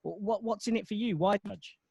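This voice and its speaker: A man's voice: sits high, fairly quick, gravelly, a little mellow, breathy edge, dry recording. A man hosting a roundtable over a video call, chatty, with many fillers and restarts. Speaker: host. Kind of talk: casual chat.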